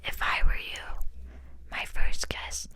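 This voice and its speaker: A young woman whispering slowly and softly while showing objects in an ASMR video. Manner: slow, soft whisper. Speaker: ASMR co-host.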